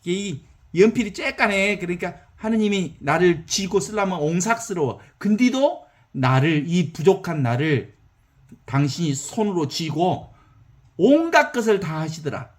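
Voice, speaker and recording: Male priest, Jeolla accent, lively folksy sermon, fairly high voice. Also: unhurried. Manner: animated, folksy, asks the audience for assent.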